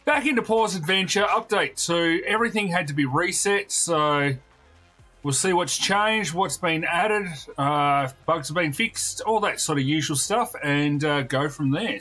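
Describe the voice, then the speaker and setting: Man streamer, hoarse voice, fairly high pitch, bright tense tone, chatty, faint music behind. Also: animated, normal speed. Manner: chatty, greets viewers while playing. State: hoarse, losing his voice. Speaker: game streamer. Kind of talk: casual live-stream chat.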